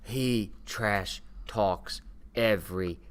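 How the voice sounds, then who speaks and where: A young man hosting a casual podcast chat, animated and talking in quick bursts. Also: lowish voice, clear, resonant tone. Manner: animated, talks fast in bursts about fighting games. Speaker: podcast host.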